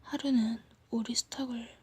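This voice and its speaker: A woman reading a story as ASMR in a soft, hushed, breathy whisper, as if leaning in close to whisper. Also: on the high side, fairly even intonation, measured pace, no echo. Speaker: ASMR reader.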